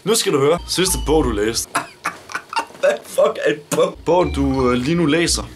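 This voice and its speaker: A man's voice: fairly high pitch, expressive, soft background music. A nineteen-year-old man from Denmark answering viewer questions in a casual vlog, blunt, joking and swearing a lot. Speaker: YouTuber.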